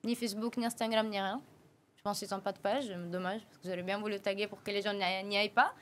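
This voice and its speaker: A woman guest in casual chat who tells her story in an animated way, with many fillers and small laughs. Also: medium pitch, quick pace, a little hiss or hum.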